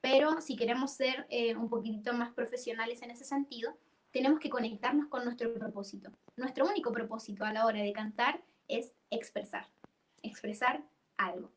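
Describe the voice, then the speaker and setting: A young woman leads a singing workshop. Her voice sits high, and she explains things patiently, breaking into sung notes to show each vocal register. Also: normal speed. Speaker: singing teacher.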